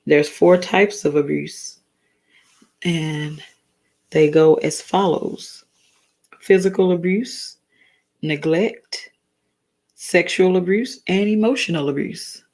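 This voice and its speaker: Hosting a casual solo talk stream, a tired woman speaks earnestly in a slightly worn, lowish, darkish voice. She goes slowly with long pauses, halting and restarting, and reads definitions aloud.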